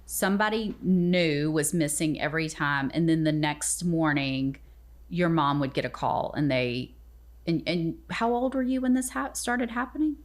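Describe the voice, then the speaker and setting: A woman's voice: low voice, animated, normal speed. A woman hosting a podcast, cutting in with follow-up questions and short murmured responses. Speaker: podcast host. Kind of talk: conversational interviewing.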